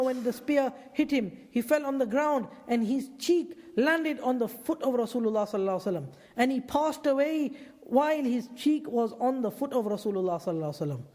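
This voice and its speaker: A man retells a story in a sermon with animated delivery, often repeating and restarting his phrases. His voice is very high, and a long reverb trails after it as in a large hall. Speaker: preacher.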